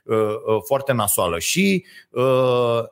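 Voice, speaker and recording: Hesitant Romanian podcast host. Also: male voice, mid-range voice, vocal fry, smooth. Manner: hesitant, many fillers, animated retelling. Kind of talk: casual chat.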